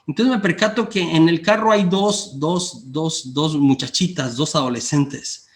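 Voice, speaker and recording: A man delivers a faith-based teaching talk, weaving in a personal anecdote. His voice sits slightly higher than most men's, and he speaks conversationally, often restarting phrases and closing them with a tag question. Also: measured pace. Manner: repeats and restarts phrases while recalling.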